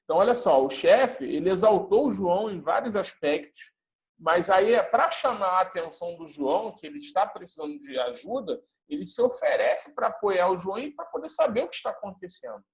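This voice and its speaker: A man teaches a casual video class in a fairly high voice. He explains things step by step and keeps asking his viewers if they follow. The sound is dull and lo-fi. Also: big pitch swings, a little fast, gravelly. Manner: explanatory, checks in with the audience often.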